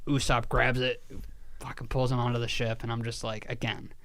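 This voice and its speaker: Animated man recounting a show, swearing freely. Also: mid-range voice, fairly quick. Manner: animated storyteller, swears casually, laughs at himself. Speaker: podcast co-host. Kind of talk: casual chat.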